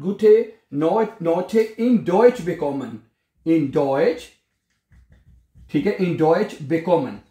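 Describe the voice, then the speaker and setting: A male teacher with a Pakistani accent, a native Urdu speaker, talking at a very slow, deliberate pace in a slightly raised voice. He draws out each German word and keeps quizzing his students. The room sounds echoey. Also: a little high, dark tone. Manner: drawls German words slowly, asks students questions. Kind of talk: slow vocabulary lesson.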